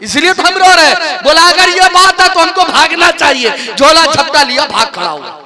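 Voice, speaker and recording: A man preaching at a religious gathering, telling a funny story with animated voices and shouted punchlines before giving advice. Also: extremely high pitch, normal speed. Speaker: maulana preacher. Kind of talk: jalsa sermon with comic storytelling. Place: outdoor religious gathering with crowd.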